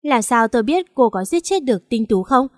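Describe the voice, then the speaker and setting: Sneering hoarse kidnapper man, read by a woman, mocking tone. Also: a little high, lively intonation, brisk, dry recording, clean studio sound, big-room sound, lightly acted.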